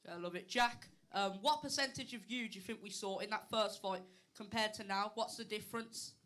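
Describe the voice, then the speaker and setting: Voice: medium pitch, fairly quick. A host putting questions to boxers at a live press conference, with noise behind the voice. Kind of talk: live event hosting, interview questions. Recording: clear background noise at live event.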